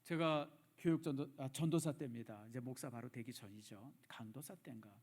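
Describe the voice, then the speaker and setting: A middle-aged male pastor preaching in a church, emotive, dropping from loud emphasis to hushed, near-whispered repeats. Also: mid-range voice, a little fast, slightly rough. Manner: addresses the congregation directly, repeats phrases for emphasis. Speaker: senior pastor. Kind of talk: sermon. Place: church sanctuary.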